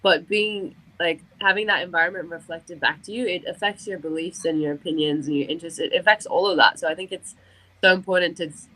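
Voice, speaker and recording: A young woman, a guest artist, chatting in a bubbly, expressive way. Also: lowish voice, brisk, rough recording. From Australia. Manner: bubbly, expressive, says "like" a lot. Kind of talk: casual chat.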